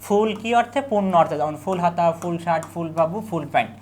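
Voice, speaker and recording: A young adult tutor gives an exam revision lesson. The tutor asks quiz questions and answers them in quick lists. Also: medium pitch, a little mellow, a little hiss or hum.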